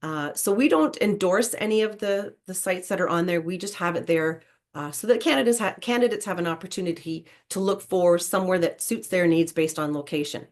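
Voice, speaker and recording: A woman explains procedures in a fairly low voice. She presents informally, as someone walking a group through a program. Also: brisk.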